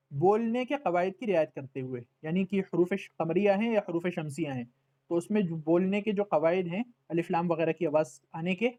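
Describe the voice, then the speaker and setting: A man's voice: sits high, dark tone. A man teaching Arabic letters in an online lesson, patiently repeating words and checking that his students follow.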